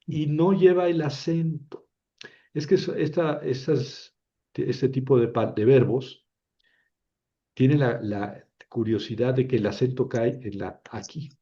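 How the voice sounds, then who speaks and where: Male teacher, patient step-by-step lesson, dark mellow tone, muffled lo-fi sound. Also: medium pitch, a little slow. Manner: patient, repeats syllables aloud, asks "¿verdad?". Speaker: Biblical Hebrew teacher. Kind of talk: slow classroom explanation.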